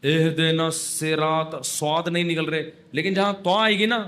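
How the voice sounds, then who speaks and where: A man delivers a religious talk with a slightly high-pitched voice. He sounds relaxed and anecdotal, moving easily into dry humor and firm scolding. He acts out sung phrases by stretching the words. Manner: chatty and wry, acting out the call to prayer by stretching words. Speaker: Islamic scholar giving a talk. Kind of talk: conversational religious lecture in Urdu.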